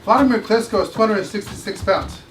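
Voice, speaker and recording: A man telling stories to a small live group as a motivational speaker and former boxer. He is animated, laughs often and repeats phrases. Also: high-pitched, quick pace. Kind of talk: storytelling talk to a small group. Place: indoor room with a live audience. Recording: echoey room, distant mic, background noise.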